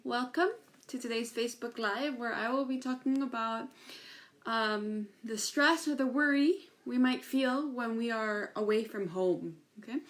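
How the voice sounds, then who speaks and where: A woman in her thirties from the Philippines, a parenting coach, talking casually to viewers on a live stream from her apartment and often checking in with "right?". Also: fairly high pitch. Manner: chatty, frequent "um" and "right?" check-ins. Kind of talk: casual Facebook Live talk. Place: apartment at home.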